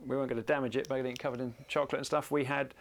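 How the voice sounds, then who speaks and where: Gravelly-voiced male camera operator. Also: medium pitch, level tone, rapid-fire. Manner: thoughtful, searches for words with many ums. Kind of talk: panel discussion answer. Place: event in front of an audience.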